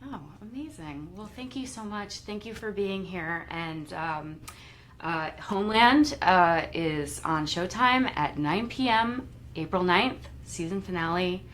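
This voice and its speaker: A woman's voice: lowish voice, animated, unhurried, fairly bright tone, a little hiss or hum. A woman hosting a live interview, asking questions in a friendly, giggly way. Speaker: interviewer host.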